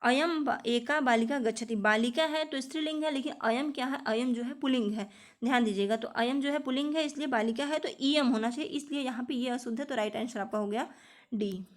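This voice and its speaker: A woman's voice: sits high, fairly quick. A woman teaching an exam-prep lesson, patiently repeating each answer and often calling her viewers friends. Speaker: teacher preparing students for teaching exams.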